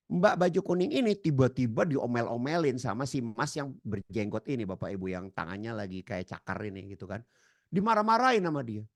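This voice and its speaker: A man giving a seminar lecture, addressing the audience directly and acting out quoted dialogue with sudden loud, high outbursts. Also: no room sound, studio quality. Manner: addresses audience as Bapak Ibu. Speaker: trainer.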